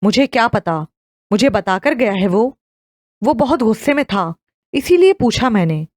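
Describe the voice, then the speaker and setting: A woman's voice: fairly high pitch, animated, darkish tone, dry recording, studio quality. A woman voicing a bitter, resentful middle-aged mother who answers curtly and sarcastically in an audio novel. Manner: curt, sarcastic replies.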